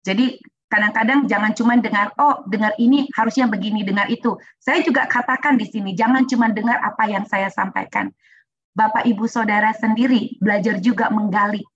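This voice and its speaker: A woman teaching a church group, urging listeners earnestly, dropping in English phrases and pausing with frequent fillers. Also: mid-range voice, steady tone, muffled recording. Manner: earnest, exhorting, many "uh" pauses. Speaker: Bible teacher. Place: online worship meeting.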